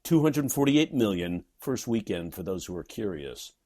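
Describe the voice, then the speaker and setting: Male from New York, husky voice, lively sarcastic read of his own blog. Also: fairly low pitch, normal speed. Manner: sarcastic, wisecracking. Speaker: comedy writer and teacher. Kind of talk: reading his blog post aloud.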